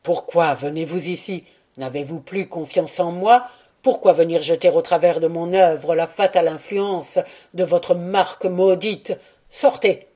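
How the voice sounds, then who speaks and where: A woman's voice: rumbling low, unhurried, a little mellow, voice pushed down. A woman doing an intense, anxious male scientist. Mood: angry. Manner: urgent, intense delivery. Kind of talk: audiobook character reading.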